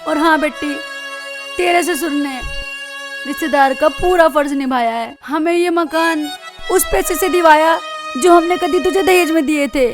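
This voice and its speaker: A woman's voice: sits high, a little slow, over music. An actress with a Haryanvi accent playing an earnest, grateful mother who explains things to her daughter.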